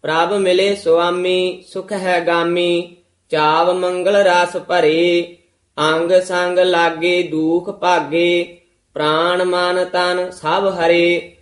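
A man reciting scripture in a steady, measured chant as a student. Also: high voice, roomy sound.

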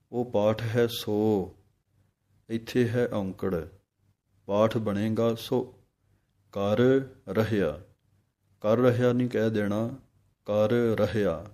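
A man teaching scripture pronunciation in a santhya lesson. He recites each line slowly and then explains how each letter and vowel sign should sound. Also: fairly low pitch, mellow.

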